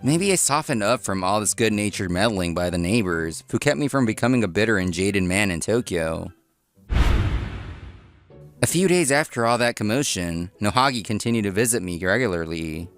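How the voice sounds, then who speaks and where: Man, comic dub narrator, scripted first-person storytelling, expressive pitch, restaurant owner character, faint music. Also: moderate pace. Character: dry, workaholic young male restaurant owner.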